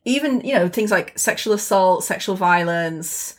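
A woman's voice: mid-range voice, expressive, normal speed. A woman, co-hosting a podcast in a candid, chatty way, swearing freely. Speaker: podcast co-host. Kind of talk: casual chat.

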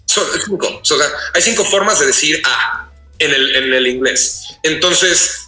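A Mexican-accented man with a very bright, forceful voice and a slightly raised pitch, telling animated, slangy stories as an interview guest. The room sounds roomy and echoey, with faint music underneath. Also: measured pace. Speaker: actor guest. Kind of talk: casual interview chat. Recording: roomy echo.

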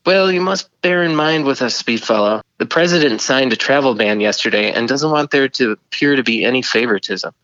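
A man's voice: mid-range voice, a little fast, hardly any pauses, a bit bright, dry recording, muffled recording. A man playing a flustered mission controller over the radio. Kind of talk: comedy skit acting.

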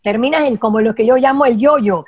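A woman's voice: on the high side, fairly quick, a little mellow, husky, no room sound, dull audio. A woman giving spiritual advice in an emphatic way, asking rhetorical questions and dropping in English phrases. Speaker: guest teaching Kabbalah ideas. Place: lives in Los Angeles.

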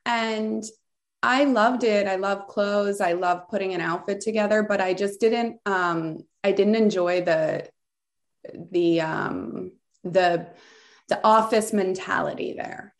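Speaking slowly at medium pitch, a Southern California woman who founded a beauty store recounts her story in a relaxed interview. Her telling rambles, with plenty of fillers and false starts.

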